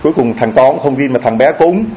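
A man preaching a sermon in a lively, joking way, often asking the congregation questions. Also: mid-range voice, quick pace, lo-fi sound, crowd noise. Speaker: priest.

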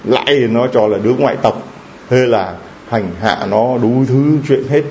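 A man's voice: medium pitch, unhurried, darkish tone, a little hiss or hum. A man preaching, retelling a story with strong emotion and stammered repeats. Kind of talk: moral storytelling in a sermon. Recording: dull lo-fi recording.

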